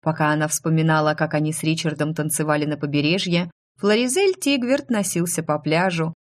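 A woman narrating a story aloud with a lively, expressive, lightly ironic delivery. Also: sits low, a little fast. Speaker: audiobook narrator.

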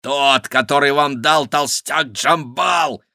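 A man's voice: a little high, sing-song, takes it slowly, sharp tone, dry recording, studio quality, pitched above the performer's own voice, full character voice. Man doing a growling stuntman thug. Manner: growling, gloating. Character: shaved-headed adult male stuntman villain, gloating and growling.

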